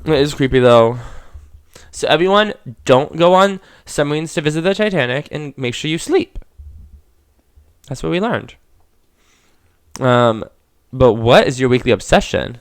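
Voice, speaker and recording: A man's voice: on the high side, lively intonation, measured pace, pauses often, clean tone, no echo, clean studio sound. A young man co-hosting a podcast in casual, playful chat, full of "like"s. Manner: playful, filler-heavy talk with many "like"s. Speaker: podcast co-host.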